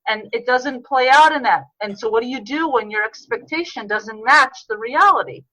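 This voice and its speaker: Female author guest, New York upbringing, earnest and reflective, bright forceful voice, dry sound. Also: on the high side, normal speed, no echo, poor audio. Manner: earnest, reflective, with frequent restarts. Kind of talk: podcast interview conversation.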